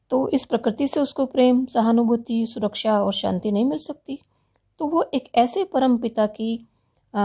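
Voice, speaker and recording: A woman philosophy lecturer giving a recorded university lecture in a steady, explanatory teaching tone. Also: a little high, gravelly.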